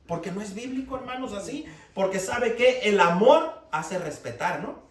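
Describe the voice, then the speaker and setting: A pastor with a high, animated voice preaches a sermon at normal speed, firing rhetorical questions at the congregation. He is in a church hall, recorded in an echoey room with the mic far off and faint noise.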